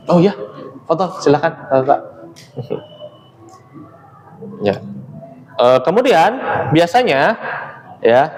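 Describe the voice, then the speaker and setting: A man teaching Arabic grammar in a classroom, explaining patiently and checking understanding often. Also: a little high. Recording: reverberant hall, faint ambient noise.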